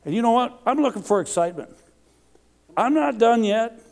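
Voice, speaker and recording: A man in his sixties preaching a sermon, animated, calling out questions to the congregation and building rhythmic lists. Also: very high voice, normal speed, gravelly. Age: 60s. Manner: repetitive, rhythmic listing.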